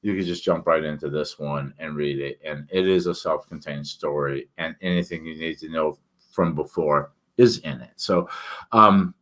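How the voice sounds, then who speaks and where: Low-voiced man with thick, swollen-tongue speech. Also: a bit bright. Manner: halting, rambling, self-interrupting. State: sore mouth and throat. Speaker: author and book reviewer. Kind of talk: casual solo vlog talk.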